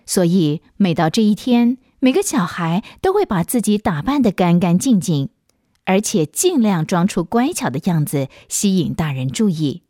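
A woman narrating a children's story in a gentle, expressive storytelling manner on a close studio mic. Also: fairly low pitch, moderate pace, no echo.

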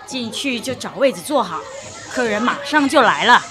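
A woman's voice: a little high, expressive, moderate pace, crowd noise, lightly acted. A woman playing a strict orphanage nanny who barks curt orders at the children. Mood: stern.

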